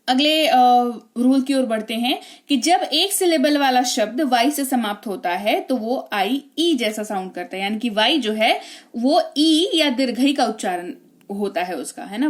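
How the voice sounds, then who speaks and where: Indian lady teacher going over spelling rules, high voice, keeps asking "right?". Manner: chatty teacher, checks in often with tag questions. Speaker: English teacher. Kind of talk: spelling lesson explaining rules.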